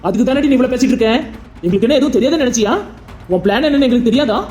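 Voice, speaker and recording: A woman voicing a sharp-tongued young woman who scolds and sends away a rival. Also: on the high side, soft background music, lightly acted. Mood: scolding. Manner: rapid, scolding. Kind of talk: cartoon voice acting.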